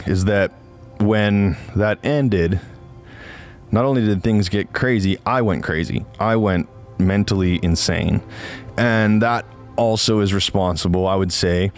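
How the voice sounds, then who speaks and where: In a low voice, a late-twenties man talks casually and confessionally in a rambling monologue. He frequently stops short and cuts himself off.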